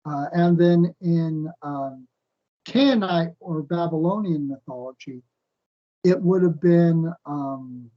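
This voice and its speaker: A man teaching a weekly scripture portion, breaking off often with "um" and "uh" as he thinks aloud, and slowing into a fuller cadence when he reads a passage. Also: fairly high pitch. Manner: halting, thinks aloud with many fillers. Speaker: Bible teacher. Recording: dull lo-fi recording.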